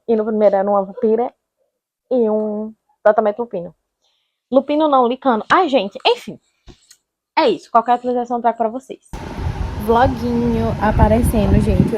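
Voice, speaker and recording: Brazilian girl doing a chatty book vlog, kinda high voice, rambles and fixes herself as she goes. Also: background noise. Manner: informal, rambling, self-correcting. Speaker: book vlogger. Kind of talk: casual chatty reading vlog.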